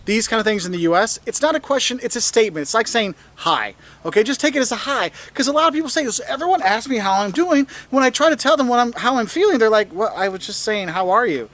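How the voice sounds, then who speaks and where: A man with a fairly high voice talks visitors through travel advice. His delivery is enthusiastic and he jumps up in pitch whenever he quotes a phrase. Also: expressive, fast talker, few pauses, a bit bright. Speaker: travel video host.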